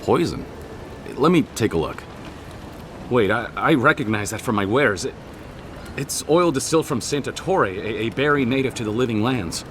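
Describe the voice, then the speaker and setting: A man's voice: medium pitch, expressive, moderate pace, background noise, lightly acted. A man playing a nervous, stammering apothecary. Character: frightened male apothecary, timid and stammering. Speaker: apothecary shopkeeper. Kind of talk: video game voice acting.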